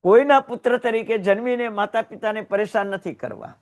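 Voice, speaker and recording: A man from Gujarat giving a Jain sermon, telling moving stories with sudden rises in voice and hushed, quiet drops. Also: high voice, a little fast. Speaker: Jain religious teacher.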